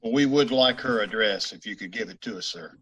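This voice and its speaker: An actor playing a polite, terse, businesslike police sergeant questioning people in an old-time radio police drama. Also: male voice, on the low side, a little fast, fairly bright tone, slightly rough, poor audio. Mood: probing. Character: polite, matter-of-fact male police sergeant, terse investigator. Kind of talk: 1950s radio police drama acting and narration.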